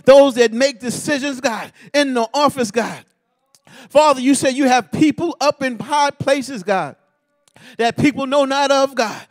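A man pastor leading a fervent intercessory prayer, ending nearly every phrase with a call to God, rhythmic and half-sung, rising to shouts. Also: very high-pitched, a little slow, no echo, clean studio sound.

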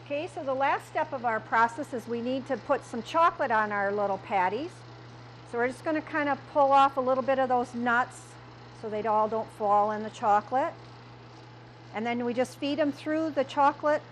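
A woman's voice: high-pitched, moderate pace, a little hiss or hum, poor audio. A middle-aged woman, a candy shop owner, walking through a recipe step by step in a small kitchen, with frequent fillers. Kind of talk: cooking demonstration.

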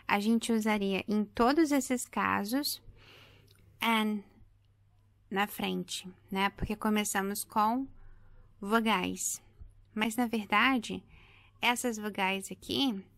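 A woman's voice: fairly high pitch, fairly bright tone, dry recording. A woman, explaining an English grammar lesson and repeating example words patiently for her students. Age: 30s. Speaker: English teacher.

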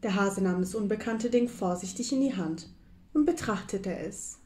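Warm-voiced woman reading a children's story. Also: medium pitch, moderate pace. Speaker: reader of a children's book.

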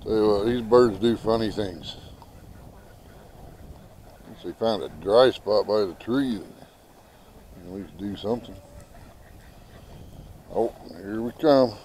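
A middle-aged American homestead vlogger films himself outdoors in a snowy farmyard, holding the camera at arm's length as he chats folksily and talks to his birds. His fairly low voice is a little mellow and unhurried, with long pauses. The outdoor camera audio is noisy, and birds can be heard clucking.

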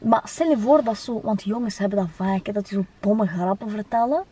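A woman's voice: medium pitch, a little fast, warm tone, breathy edge. A young woman with a Flemish accent, arguing casually with friends in slangy speech sprinkled with English. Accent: Flemish Belgian. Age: young adult. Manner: slangy, argumentative, with English words mixed in. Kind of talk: casual debate among friends. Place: inside a car. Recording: distant mic, noisy car interior.

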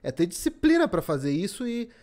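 A man's voice: sits high, very animated, a little fast, a little mellow. A man, hosting a podcast, talking bluntly and with swearing. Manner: blunt, profane, motivational. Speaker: podcast host. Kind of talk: casual podcast chat.

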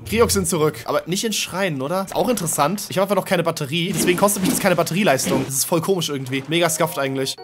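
A young man streaming a video game, commentating his play in an excitable, slangy way and talking to himself. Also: on the high side, racing, few pauses. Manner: excitable, slangy, talks to himself while playing. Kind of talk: live gameplay commentary. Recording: game music behind the voice.

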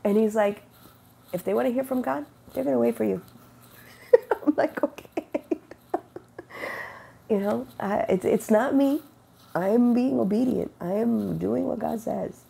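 Speaking into a wired earbud mic in a webcam close-up, this middle-aged woman shares her faith testimony from a bedroom lit by a bright window. Her voice is a little high and mellow, though roughened and sniffly from a cold. She takes her time, earnest throughout, and quotes God in conversation.

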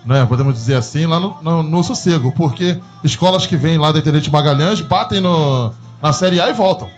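A man's voice: a little high, moderate pace. A man asking the guest questions on a radio chat, leaning on tag questions. The sound is a little dull and lo-fi. Faint music plays behind him. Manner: probing, many tag questions. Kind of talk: casual radio interview.

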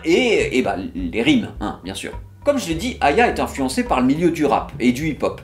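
Chatty French man explaining poetry. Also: fairly high pitch. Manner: chatty, lively, many "bah" and "hein" fillers. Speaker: literature video host. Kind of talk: casual educational talk.

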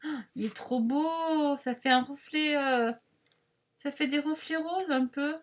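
A high-voiced woman chats her way through an unboxing of craft papers. She rambles off on tangents and gets excitable, then apologizes and carries on. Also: measured pace. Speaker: craft vlogger unboxing a parcel. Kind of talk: casual unboxing chat to viewers.

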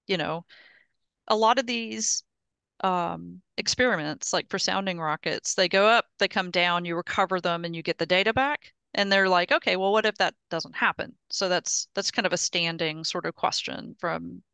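A middle-aged woman with a lowish, gravelly voice speaks at normal speed in a sharp, clean tone with no echo. She is a project presenter at an engineering meetup, joining a video call from her home office on a headset mic. Her technical update is casual, walking through things step by step and often restarting.

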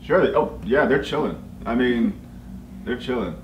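Lively, joking young man in an echoey room. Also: mid-range voice, moderate pace, lo-fi sound. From Canada. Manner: animated, joking, slangy. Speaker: co-host of a couple's channel. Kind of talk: casual chat. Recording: echoey room with faint noise.

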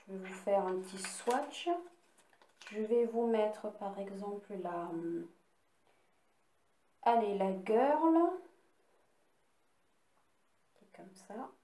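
A beauty vlogger with a warm, mid-range voice casually shows off and swatches eyeshadow palettes she bought, chatting with small apologetic asides. She speaks slowly with long pauses, and the room sounds echoey.

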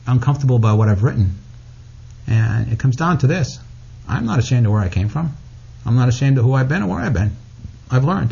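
Interviewed as an author, this man talks frankly and bluntly, cursing freely in candid interview fashion. His medium-pitched voice is mellow and slightly rough with vocal fry, and the audio sounds dull.

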